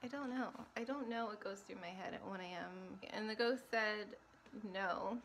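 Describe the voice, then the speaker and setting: A woman's voice: medium pitch, normal speed, a bit bright. A young woman vlogger talking casually to camera, rambling and self-mocking, often laughing at herself.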